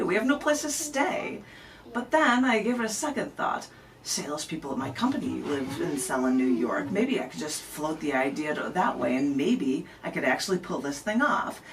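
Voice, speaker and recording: A woman poet from the Midwest, interviewed in a radio station studio, recounts stories with a spoken-word performer's emphatic, chatty delivery. Her voice is on the low side, recorded by a camera microphone at some distance, with slight background noise.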